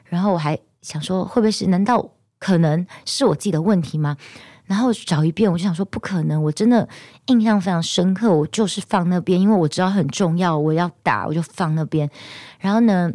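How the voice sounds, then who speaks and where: A woman hosting a podcast alone, with a hoarse voice and a Taiwanese Mandarin accent, telling a story with indignant, animated energy. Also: fairly low pitch, brisk, no echo, studio quality. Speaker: podcast host. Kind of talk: casual podcast monologue.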